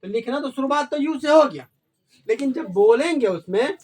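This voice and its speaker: A male teacher with a high voice leads a classroom grammar lesson. He keeps asking the class questions and repeats each key word back to them. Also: lively intonation, normal speed, breathy edge. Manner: call-and-response questioning, repeats key words.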